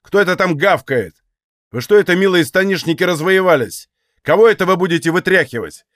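A man's voice: fairly high pitch, lively intonation, normal speed, no room sound, clean studio sound, lightly acted. A man voicing a composed young Cossack officer who speaks in curt, scornful threats in an audiobook. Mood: commanding.

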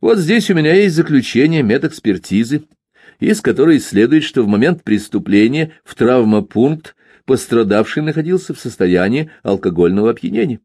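A man's voice: mid-range voice, expressive, normal speed, darkish tone, breathy edge, no room sound, pitched above the performer's own voice. A man voicing a cynical, bigoted male police investigator who questions with dry, needling remarks.

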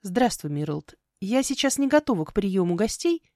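A woman voicing a sharp-tongued young witch heroine with quick, sarcastic retorts in a fantasy audiobook. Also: mid-range voice, very animated, dry recording, clean studio sound, pitched above the performer's own voice, close to an everyday voice. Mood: sardonic.

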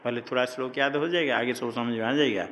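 A man's voice: mid-range voice, fairly even intonation, fast talker, fairly bright tone, a little hiss or hum. A man teaching a class on Sanskrit grammar. He repeats key terms and puts questions to his students. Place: ashram classroom. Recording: long hall reverb.

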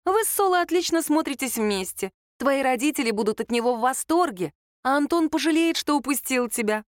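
A woman's voice: sits high, lively intonation, a little fast, dry recording, studio quality, voice pushed up. A woman doing a confident, wry young friend. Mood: reassuring.

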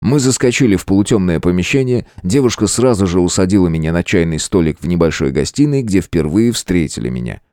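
A man narrating a first-person adventure audiobook in a steady, measured way. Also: sits low, smooth, no room sound, studio quality.

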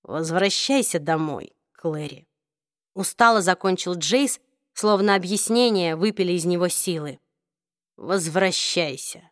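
A woman doing a cold, low-voiced young man in an audiobook. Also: no room sound, clean studio sound, natural voice. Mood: weary. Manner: low, slow, weary, sometimes shouting. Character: cold, bitter young man, stern and harsh.

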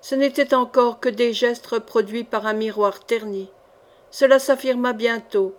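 A woman narrating a classic swashbuckling novel in a measured, expressive reading voice. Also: fairly high pitch. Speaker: audiobook reader.

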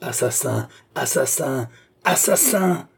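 A man's voice: mid-range voice, animated, measured pace, husky. A man reading an audiobook, voicing a proud young noblewoman who is furious and contemptuous. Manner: shouting, raging, contemptuous. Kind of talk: audiobook character voice.

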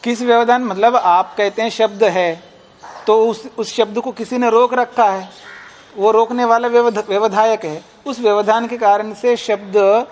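In a high-pitched, steady tone, a man teaches a class on a classical philosophy text. He reads the Sanskrit lines slowly, puts them in plain terms, and poses questions to the class that he answers himself.

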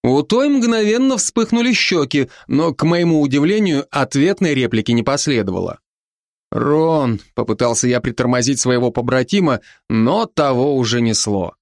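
A man narrating an audiobook in the first person, with a lively, wide-ranging voice. His storytelling is wry and ironic, and the close recording sounds dry. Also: mid-range voice, normal speed, hardly any pauses, no room sound.

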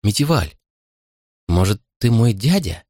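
A man's voice: lowish voice, very animated, a little slow, mellow, no echo, clean studio sound, full character voice. A man voicing an anxious young boy who presses with emotional, pleading questions in an audiobook.

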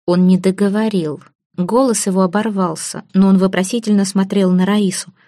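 A woman reading a literary story aloud as an audiobook narrator, calm and even. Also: mid-range voice, normal speed, dry recording, studio quality. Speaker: audiobook reader.

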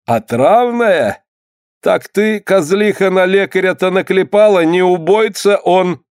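A man's voice: high voice, lively intonation, unhurried, clean tone, dry recording, clean studio sound, voice pushed up. A man voicing a cruel boyar who interrogates a prisoner, issuing commands in a sneering tone. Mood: mocking. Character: cruel stern male boyar interrogator, mocking.

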